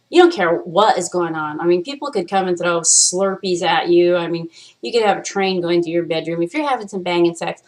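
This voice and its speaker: On a low-quality recording, a vlog host with a fairly low voice chats candidly to camera. She rambles, swears frequently and playfully experiments with different voices.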